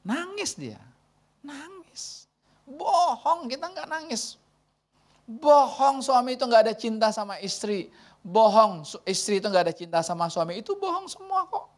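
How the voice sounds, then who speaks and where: A woman in her forties, a pastor giving a lively sermon in a conversational, way, acting out quoted dialogue. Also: a little high, normal speed. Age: 40s.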